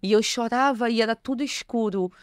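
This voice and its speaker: A woman's voice: fairly high pitch, a little fast, smooth, no room sound, clean studio sound. A woman, a bishop, telling her personal testimony in an interview, earnest and emotional. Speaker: bishop, guest.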